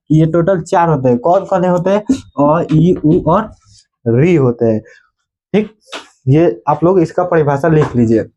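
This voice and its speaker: Man, teacher, grammar lesson, slightly high voice, mellow tone, rhetorical questions, dictation pace. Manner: asks pupils questions and answers them himself; repeats key terms for dictation.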